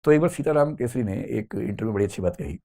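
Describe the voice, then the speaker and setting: A man's voice: mid-range voice, expressive, quick pace, gravelly, mellow. A middle-aged man giving a conversational classroom lecture, asking the students questions as he goes. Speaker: teacher.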